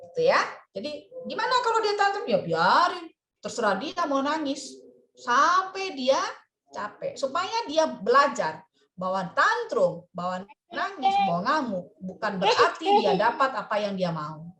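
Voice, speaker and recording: A woman therapist speaking at an online parenting seminar, talking in an animated, expressive way and repeating her key phrases. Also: high voice, a little slow. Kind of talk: webinar talk over video call. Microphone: video call. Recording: roomy video-call audio.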